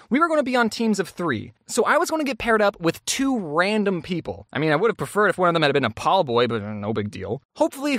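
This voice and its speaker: A man telling a comic story for his animated channel, jokey and excitable, swinging his voice high and low. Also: dry recording, studio quality. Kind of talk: comedic storytime narration.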